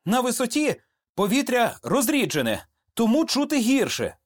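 Man doing jittery young student soldier, higher voice, hesitant. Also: wildly swooping pitch, moderate pace, full character voice. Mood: nervous. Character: young male student paratrooper, nervous but trying to stay composed.

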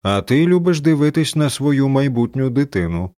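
Brief: a man reading an irritable, sarcastic young space agent, lively swinging intonation, dry studio sound. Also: medium pitch, normal speed, no echo, pitched above the performer's own voice, natural voice. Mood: irritated. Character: sharp-tongued young woman on vacation, a space agent.

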